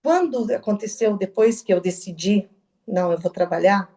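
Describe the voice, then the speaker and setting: A middle-aged woman, soft-spoken and halting, giving personal testimony as an interview guest. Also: mid-range voice. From southern Brazil. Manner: halting, soft-spoken, with restarts and quoted dialogue.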